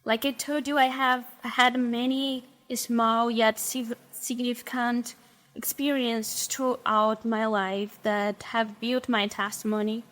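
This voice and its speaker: A young Brazilian woman, speaking English as a second language with a Brazilian Portuguese accent, shares her faith testimony as an interview guest, picking her words carefully. Her voice is slightly high and a bit bright, fairly level in pitch, and her pace is slow.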